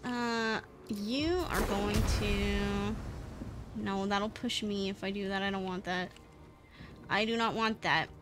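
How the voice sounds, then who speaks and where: A woman's voice: mid-range voice, takes it slowly. A woman streamer giving playful, chatty live gameplay commentary, swearing now and then and giggling at her own jokes. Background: game music.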